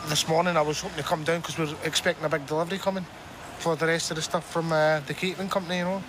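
A man's voice: a little high, level tone, rapid-fire. A man with a Scottish accent talking candidly and informally in a documentary, in a matey way, often repeating his phrases. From Scotland. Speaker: restaurant owner being filmed for a documentary. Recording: clear background noise on location.

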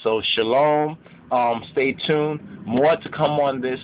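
A man's voice: mid-range voice, fairly even intonation, slow pace, highs cut off, slight background noise. A man teaching scripture in Rastafari speech, repeating phrases emphatically and checking in with his listeners as he goes. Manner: emphatic repetition, checking in with "right?". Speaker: religious teacher.

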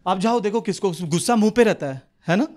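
A young Indian comedian with a Mumbai Hindi accent and a high voice performs a lively stand-up set on a comedy club stage, slipping into quick street characters. He uses a handheld stage mic, and the live club recording catches the audience laughing.

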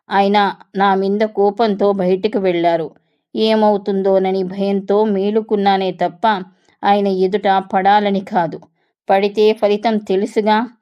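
A woman's voice: mid-range voice, clear, resonant tone, muffled recording, lightly acted. A woman narrator voicing a domineering, harsh older mother-in-law who scolds sharply in a storybook reading.

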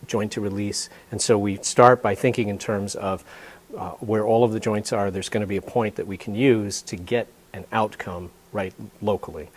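A man's voice: lowish voice, darkish tone, slight background noise. An older man in his sixties, a martial arts instructor, explaining a technique while demonstrating it on a partner in a dojo. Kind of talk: hands-on demonstration. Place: dojo indoors.

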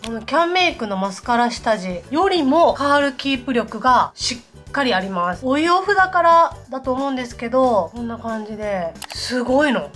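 Woman, 30s, Nagoya accent, beauty vlogger. Fast, animated, self-mocking chatter with faint music under it. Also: a little high. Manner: chatty, self-deprecating, talks to viewers while working. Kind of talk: casual chat while doing makeup. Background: faint background music.

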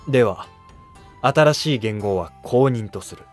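An actor playing an earnest, dignified Japanese emperor with stately, archaic speech in a historical drama. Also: male voice, mid-range voice, expressive, unhurried, soft background music, close to an everyday voice. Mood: thoughtful.

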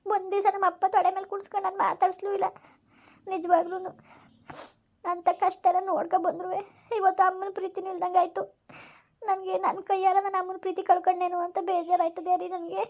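A woman's voice: very high voice, little pitch movement, a little fast, a little mellow, lo-fi sound. A young woman, acting a tearful, pleading pregnant wife in a village skit.

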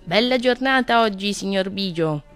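A woman's voice: fairly low pitch, measured pace, faint music behind, lightly acted. A woman doing fussy, indignant brown rabbit. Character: fussy, touchy male brown rabbit, Mr Bruno.

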